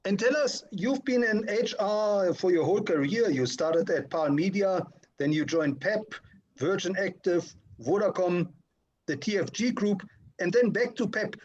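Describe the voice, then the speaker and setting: A man hosting an interview, asking polite, measured questions. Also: sits high, a little mellow, dull audio. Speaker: interviewer, host.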